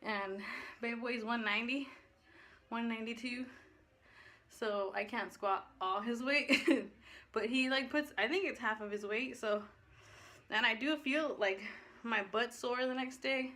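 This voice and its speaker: Female workout vlogger, higher-pitched, crisp bright tone, winded, casual rambling chat, slangy. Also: measured pace. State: breathless from exercise. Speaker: fitness vlogger. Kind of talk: casual chatty workout vlog.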